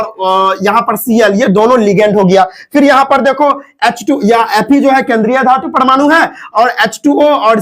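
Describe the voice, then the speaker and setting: A man teaching chemistry in a casual classroom lecture, repeating himself and coaxing students to look and listen. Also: extremely high pitch. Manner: repetitive, coaxing, keeps saying 'dekho' and 'thik hai'.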